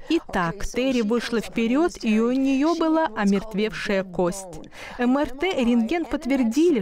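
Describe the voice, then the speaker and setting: Higher-voiced woman telling a faith story. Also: a little mellow. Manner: earnest, storytelling voice-over. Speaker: guest minister.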